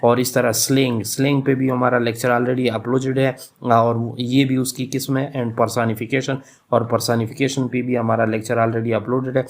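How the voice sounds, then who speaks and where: A male professor, explaining a lesson slowly in speech mixed with English terms, with frequent fillers. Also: medium pitch, flat delivery. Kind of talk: lecture on English literature.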